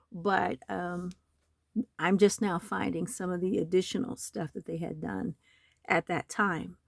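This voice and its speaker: A hoarse woman with a slight cold, talking in a rambling, aggrieved and urgent way in a home vlog. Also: lowish voice, darkish tone, no echo. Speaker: nonprofit website owner. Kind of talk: screen-recorded vlog. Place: home in the desert.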